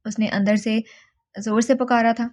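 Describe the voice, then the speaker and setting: A woman narrating an audio novel in an even, descriptive storytelling manner. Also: fairly high pitch.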